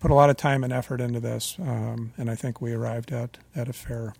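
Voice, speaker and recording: At a public meeting, a man speaking as a utility regulator sounds measured and formal, though he often uses fillers and restarts his sentences. His mid-range voice holds a steady tone and is gravelly, husky, and slightly mellow.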